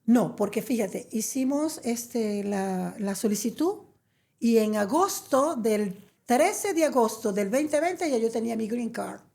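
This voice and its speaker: Gravelly, mellow-voiced middle-aged woman. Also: a little high, lively intonation, unhurried. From Venezuela. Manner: chatty, warm storytelling with many fillers. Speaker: interview guest. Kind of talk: conversational interview.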